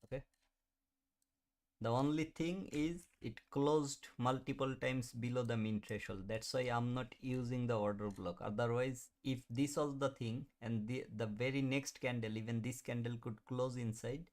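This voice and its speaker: A man in his thirties hosts a live trading stream in an easy, conversational way. His voice sits at a middle pitch, and he breaks off to answer viewers with a laugh. Between those replies he mutters at the chart as he watches it. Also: fairly even intonation, moderate pace, a little mellow. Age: 30s. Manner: chatty, reads and answers chat, laughs often. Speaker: trading livestream host. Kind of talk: casual live-stream commentary.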